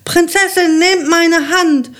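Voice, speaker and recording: A woman's voice: very high voice, steady tone, slow, a bit bright, voice pushed up, heavily acted. A woman voicing a young boy playing a brave knight in a children's storybook reading, calling out eagerly. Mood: heroic.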